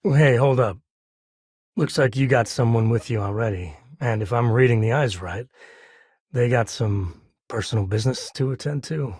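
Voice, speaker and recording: Sam Coe, husky easygoing space cowboy, acted by a man. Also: mid-range voice, moderate pace, darkish tone, no room sound, clean studio sound, lightly acted. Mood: casual. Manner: folksy, conversational, wry. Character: easygoing, warm-hearted frontier spacefarer, a devoted father. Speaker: video game companion character. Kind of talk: video game character dialogue.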